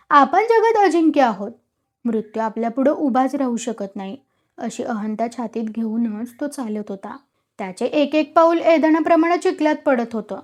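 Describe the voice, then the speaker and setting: Female storyteller, high pitch, dramatic expressive story reading. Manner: dramatic, vivid narration.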